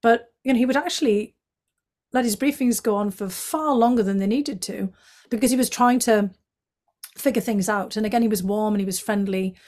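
Speaking at a normal pace, the middle-aged woman has a medium-pitched voice with a darkish tone and a Northeast English accent from County Durham, England. She is a guest and former intelligence analyst, handling interview questions in a candid, fluent way and filling pauses often.

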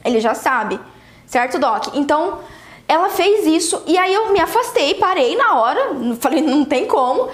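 A young adult woman with a Brazilian accent, a dentist telling a patient story to fellow dentists in a lively, animated way. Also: high voice, normal speed, roomy sound. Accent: Brazilian Portuguese. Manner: animated storytelling, acts out quotes. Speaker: dentist teaching other dentists. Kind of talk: casual teaching talk with a story.

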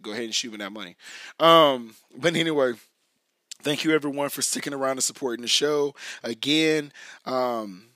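An American man hosting a casual solo podcast in a hoarse, raspy whiskey voice, half lost, rambling and slangy as he addresses listeners directly. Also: mid-range voice, moderate pace, bright, forceful tone, dry recording, studio quality. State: hoarse, losing his voice. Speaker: podcast host.

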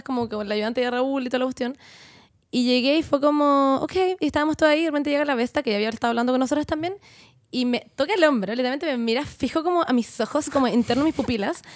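A young Chilean woman telling a story in casual chat, animated and laughing as she acts out what people said. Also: high-pitched, very fast, no room sound, clean studio sound.

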